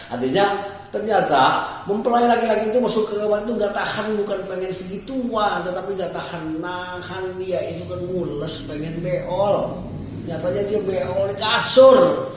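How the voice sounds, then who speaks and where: A man from Java, telling a comic folk tale in an animated way. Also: high-pitched, a little slow. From West Java. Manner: animated, jumping between voices. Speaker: storyteller. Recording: echoey room, voice from far off, faint noise.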